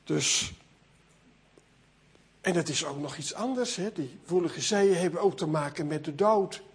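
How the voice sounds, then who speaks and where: A man's voice: fairly high pitch, animated, a little slow, breathy edge. A man preaching an earnest sermon, often repeating words as he builds a point.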